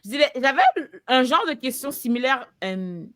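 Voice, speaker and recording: A woman's voice: sits high, lively intonation, moderate pace, a bit bright. A young woman with a Québécois French accent hosting a podcast, chatting casually and acting out dialogue with playful asides. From Quebec. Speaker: podcast host. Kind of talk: casual chat.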